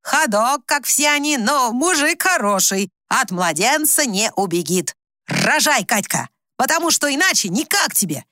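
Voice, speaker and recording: A woman voicing a coarse, scheming older village woman with a hoarse voice, who scolds bluntly. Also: sits high, very animated, unhurried, pushed and bright, no room sound, clean studio sound, full character voice. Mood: scolding.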